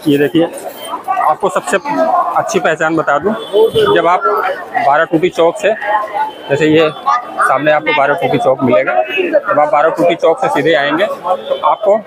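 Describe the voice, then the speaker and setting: A man leads viewers along a packed market road and keeps stopping to point at shops. His voice sits a little high. Heavy outdoor street noise fills the recording around him. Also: measured pace, pauses often, over a noisy crowd. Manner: points things out to viewers, repeats "look here". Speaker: vlogger giving a market tour. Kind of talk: walking tour narration. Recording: loud street noise behind the voice.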